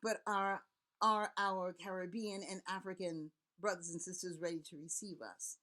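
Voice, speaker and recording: Her voice is lowish with little pitch movement, fairly bright in tone, at a moderate pace. The speaker, a middle-aged Haitian Vodou priest and elder, gives an impassioned address to camera that rallies listeners through repeated words and lengthy lists.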